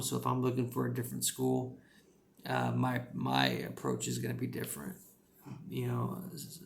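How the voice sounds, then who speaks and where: A man with a rural American accent and a medium-pitched, creaky voice offers casual, rambling advice as an English teacher. His talk is full of "you know" fillers.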